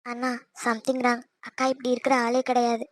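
A woman voicing a bossy, sharp-tongued younger sister in a cartoon. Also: a little high, monotone, normal speed, close to an everyday voice. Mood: worried. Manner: snappy, bossy. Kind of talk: cartoon voice acting.

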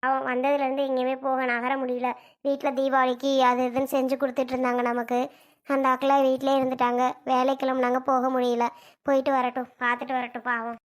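A woman's voice: high voice, monotone, quick pace, lightly acted. A woman playing a young woman chatting sympathetically about family. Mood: sympathetic.

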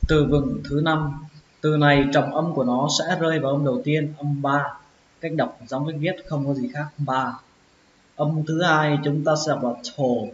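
A man with a fairly high voice teaches pronunciation, breaking each word apart and repeating it slowly. The recording is roomy and echoey, with a dull lo-fi tone and a faint hiss behind it. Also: fairly even intonation. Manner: slow, drawn-out repetition of words. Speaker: English teacher. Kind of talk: pronunciation lesson.

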